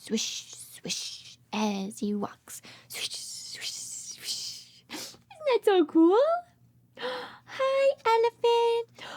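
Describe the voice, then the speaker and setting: Her voice is high but darkish in tone, recorded with no echo. She's a speech therapist who hosts children's read-alouds, leading an interactive picture book for toddlers in a playful sing-song way full of repeated words, gasps and whispers.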